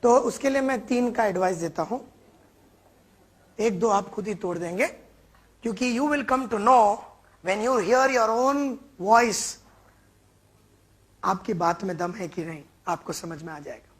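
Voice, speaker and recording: A man's voice: high-pitched, slow, long pauses, a bit bright, breathy edge. A man giving an emphatic sales training talk, coaching his listeners. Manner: emphatic, mixes Hindi and English, coaching.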